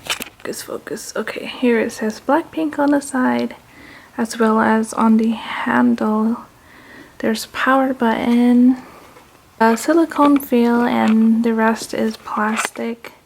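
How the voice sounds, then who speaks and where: A woman with a slight lisp from wearing retainers, chatting casually and excitedly to viewers in an unboxing vlog. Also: on the high side, takes it slowly, vocal fry, a little hiss or hum. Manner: informal, excited, addressing viewers as guys. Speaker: vlogger.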